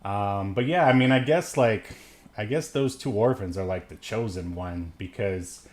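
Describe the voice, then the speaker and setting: Chatting about films on a podcast he co-hosts, this man jokes and meanders through a laid-back movie review. His voice sits lowish, and he keeps a measured pace.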